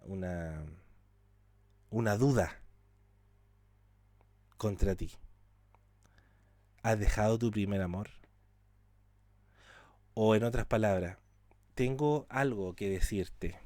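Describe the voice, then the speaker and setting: A man's voice: lowish voice, slow, long pauses, mellow, no echo. A man teaching a scripture class, asking his listeners rhetorical questions and acting out quoted speech with drama. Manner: asks rhetorical questions and addresses the class directly. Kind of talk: lecture on scripture.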